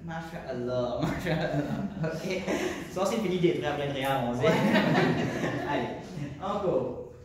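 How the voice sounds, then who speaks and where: A man's voice: fairly high pitch, unhurried. A man with a Mauritian accent teaching a class, asking questions and repeating students' answers. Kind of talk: classroom lesson. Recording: echoey classroom from far off.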